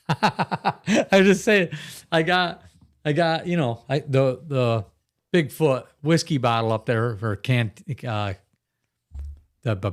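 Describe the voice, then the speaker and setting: A middle-aged man hosting a casual live stream, rambling and chatty, breaking into laughs as he reads out viewer comments. His voice sits at an everyday middle pitch. The sound is dry and close, with no room echo. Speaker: live podcast host.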